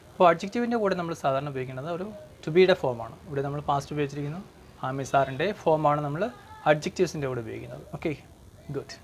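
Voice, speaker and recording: A teacher walks through English grammar, saying each example sentence slowly and filling pauses with okay and hmm. The voice sits at an ordinary middle pitch. A faint background hiss runs under the lesson. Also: gravelly.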